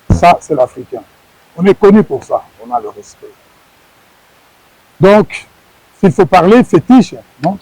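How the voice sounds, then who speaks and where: A middle-aged former wrestler from Congo answers interview questions earnestly, often repeating words while he hunts for the right phrasing. His voice sits high with a dark tone, and the recording is low quality with no echo.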